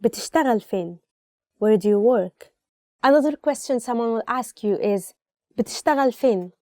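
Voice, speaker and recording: A young woman with a warm, fairly high voice, teaching phrases in a casual and chatty way. She explains each question and repeats it for the viewer. The sound is close and dry, recorded in a small indoor studio. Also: lively intonation, brisk, dry recording. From Egypt. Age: young adult. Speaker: language teacher. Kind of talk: casual spoken-Arabic lesson to camera.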